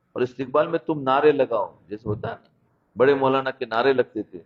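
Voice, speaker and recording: A man giving a sermon, telling stories about childhood and often asking his listeners whether they follow. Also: fairly high pitch. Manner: storytelling, asks listeners "understood?". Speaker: Islamic preacher. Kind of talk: sermon with storytelling. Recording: dull lo-fi recording.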